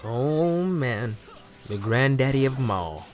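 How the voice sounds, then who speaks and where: A man's voice: mid-range voice, slow pace, loud music behind the voice. Playful young man hosting an anime vlog. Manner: animated, joking, playful. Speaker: anime YouTuber host. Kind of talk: casual vlog commentary.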